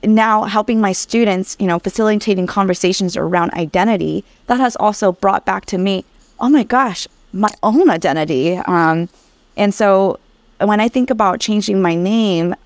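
An adult woman from Vietnam, a career coach, is an interview guest speaking earnestly and reflectively about personal experience. Her voice is mid-range, her pace moderate, and the recording is dry.

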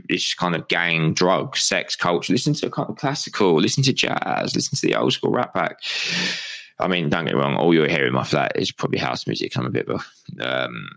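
A young British man with a low, fairly bright voice and some vocal fry hosts a podcast, recorded roughly. He delivers a rambling, self-deprecating motivational monologue in a casual way, sounding a little hungover and swearing freely.

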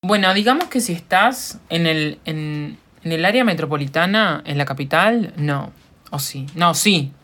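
Woman, Uruguayan accent, podcast host, somewhat low voice, rambling, jokey, laughs a lot. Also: lively intonation, measured pace, fairly bright tone, slight background noise. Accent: Uruguayan Spanish. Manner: rambling, joking, answers her own questions, laughs often. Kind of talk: casual solo podcast chat.

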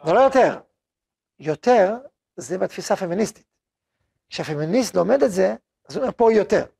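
A fairly high-pitched man with an Israeli accent, gravelly and husky, teaching an informal religious class. He acts out both voices of short exchanges and asks the room questions as he goes. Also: animated, darkish tone. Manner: acts out both sides of dialogues, talks to the room. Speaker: yeshiva rabbi teaching a class. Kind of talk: informal Torah lesson to students.

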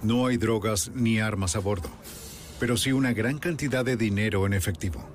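A man's voice: on the low side, moderate pace. A man narrating a crime documentary in a dramatic, scripted style. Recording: music bed under the voice. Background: dramatic background music.

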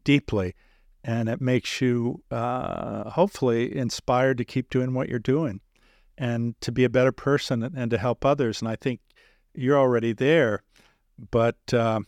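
A man hosting an interview, speaking in a measured, earnest way with many pauses and filler sounds. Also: mid-range voice, steady tone, a little mellow, no room sound. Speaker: podcast host interviewing a guest. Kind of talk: reflective interview talk.

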